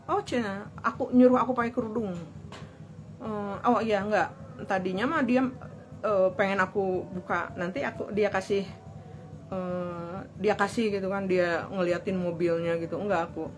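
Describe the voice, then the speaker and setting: A woman's voice: medium pitch, background noise. A young woman, chatting about a relationship with an aggrieved tone and quoting past arguments. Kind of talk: personal storytelling.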